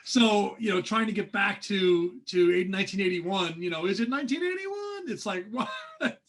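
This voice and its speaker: A man's voice: high-pitched, expressive, moderate pace, a bit bright. A man in his forties co-hosting a casual music podcast, talking eagerly in rambling bursts full of fillers and restarts. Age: 40s. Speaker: podcast co-host. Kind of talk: casual chat.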